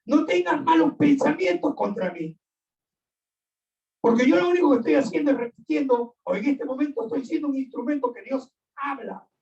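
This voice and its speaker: Pastor guy preaching hard, high but mellow voice, echoey church far from the mic. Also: expressive, moderate pace, gravelly. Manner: emphatic, preaching with repetition and direct address. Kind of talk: sermon. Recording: echoey and distant, dull sound.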